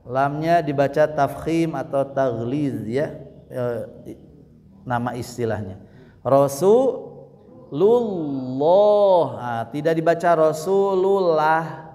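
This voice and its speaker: A man with a Sundanese accent teaching Quran recitation, explaining patiently and chanting example words slowly at a mosque study session. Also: medium pitch, darkish tone. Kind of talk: religious lesson with recited examples. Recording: long hall reverb.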